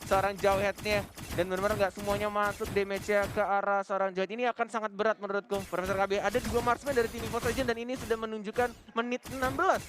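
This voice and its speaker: A man working as an esports caster, delivering excited play-by-play in long run-on calls. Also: high voice, quick pace.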